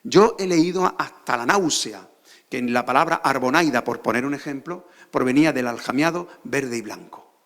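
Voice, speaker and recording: A man's voice: medium pitch, normal speed, fairly bright tone. A man with an Andalusian accent giving a lecture on a theater stage, often posing rhetorical questions to the audience. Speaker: conference speaker.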